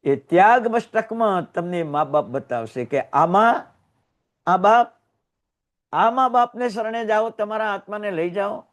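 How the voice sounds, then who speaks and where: A man from Gujarat giving a Jain sermon, telling moving stories with sudden rises in voice and hushed, quiet drops. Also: high voice, measured pace. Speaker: Jain religious teacher.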